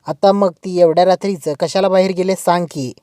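A woman's voice: lowish voice, steady tone, a little fast, mellow, dry recording, studio quality, close to an everyday voice. A woman voicing a suspicious middle-aged aunt who taunts and accuses. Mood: accusing.

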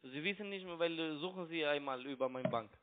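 Faint music plays behind a young man's voice on a tinny, narrow-band phone call. He is a scam caller with a foreign accent, not a native German speaker, who argues insistently and repetitively in broken speech. His voice is on the high side and fairly quick.

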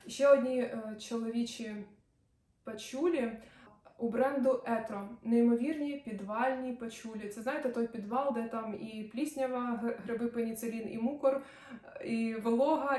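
A woman's voice: on the high side, darkish tone. A woman vlogging about perfumes, talking to camera in a chatty, enthusiastic way with trailing asides. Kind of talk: casual review chat to camera. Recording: echoey room, distant mic.

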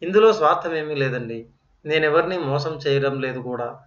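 A man reads as a polite young student, earnest and restrained. His voice sits slightly high. The sound is roomy and dull, lo-fi in character. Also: normal speed, fairly bright tone, recorded from a distance, close to an everyday voice.

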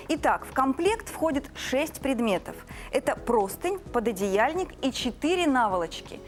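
A woman with a high voice delivers an infomercial pitch over music. She presents like a TV shopping host, gushing and stretching out luxurious adjectives for emphasis. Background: background music.

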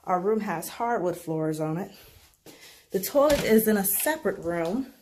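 A woman's voice: mid-range voice, unhurried, slight background noise. Chatty woman vlogging on a trip. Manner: chatty and relaxed, with fillers. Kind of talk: casual travel vlog narration. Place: hotel room, streets and shops, indoors and outdoors.

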